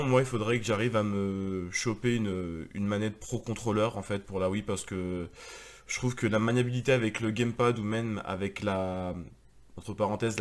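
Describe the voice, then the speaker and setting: Casual male vlogger, rambling and chatty, lots of fillers, presenting his collection. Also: on the low side. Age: adult, married with a daughter. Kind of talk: casual video chat.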